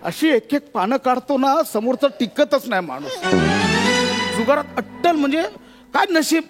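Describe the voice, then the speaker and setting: Comic sketch: a man as a high-voiced, rambling drinking buddy who spills secrets. Loud music bed behind him. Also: normal speed. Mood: boastful. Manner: rambling, blurts out secrets while pretending to calm others. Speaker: patient's friend and drinking buddy.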